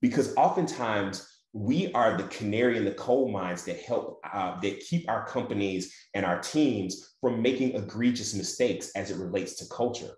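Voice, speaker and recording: A man's voice: fairly low pitch, moderate pace, hardly any pauses, darkish tone. A man with a Mississippi Southern accent talking conversationally as a panel guest, often checking his points with "right?". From Mississippi, USA. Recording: roomy, echoey sound.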